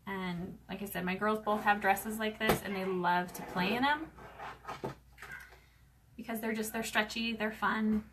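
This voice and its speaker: A woman hosting a casual sewing tutorial at home, talking fast and chatty with lots of fillers. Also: medium pitch. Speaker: craft show host demonstrating sewing. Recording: clear background noise with clicks.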